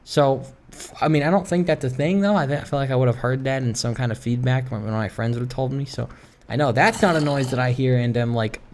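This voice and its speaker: A gaming video host offers rambling, casual Minecraft let's-play commentary in a medium-pitched voice, with slight background noise. The talk is informal, musing, and full of grumbling about small gripes.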